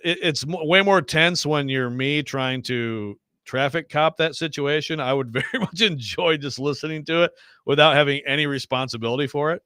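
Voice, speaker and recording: A man's voice: on the high side, moderate pace, bright, forceful tone, clean tone, no room sound, studio quality. A man hosting casual sports talk radio, wordy and often interrupting himself.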